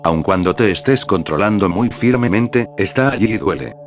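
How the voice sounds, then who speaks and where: A man giving a scripted narration of a spiritual teaching in a calm, measured, instructive way. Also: on the low side. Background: faint background music.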